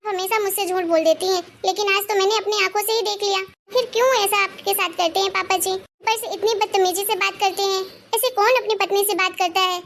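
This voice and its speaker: Cartoon casting: a woman playing an earnest young daughter-in-law, very high and gravelly. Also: steady tone, a little fast, few pauses, fairly bright tone. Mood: concerned. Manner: concerned, earnest, persistent. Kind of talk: cartoon voice acting.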